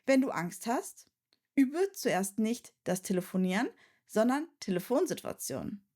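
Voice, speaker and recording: Slow, clear-speaking woman teaching German. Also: on the high side, sing-song, a little mellow. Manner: slow, clear, deliberate delivery. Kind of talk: scripted language lesson.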